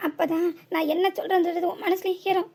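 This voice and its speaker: A woman's voice: very high voice, flat delivery, a little fast, a little mellow. A woman voicing a stern old mother-in-law in a village cartoon comedy, scolding with a southern Tamil Nadu accent. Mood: lecturing. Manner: scolding, lecturing.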